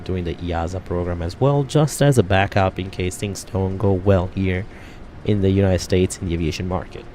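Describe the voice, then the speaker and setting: A man chats casually on a flight sim stream, his voice low and mellow. He rambles, fills pauses with "uh" and "um" and restarts his sentences. A faint hum runs under his voice. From Italy. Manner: rambling, many fillers and self-corrections. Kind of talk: casual live-stream chat.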